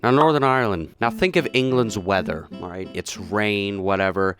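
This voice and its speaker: Young guy, kinda low voice, jokey casual vlog chat, faint guitar music behind. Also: moderate pace. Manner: chatty, jokey, trails off quietly at phrase ends. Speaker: YouTuber ranking countries.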